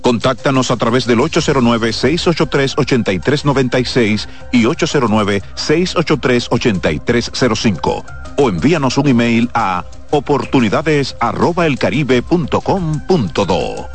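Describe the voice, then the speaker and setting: A man's voice: mid-range voice, lively intonation, normal speed. A man announcing radio commercials with a punchy, promotional delivery. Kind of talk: radio ad read. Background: loud music bed.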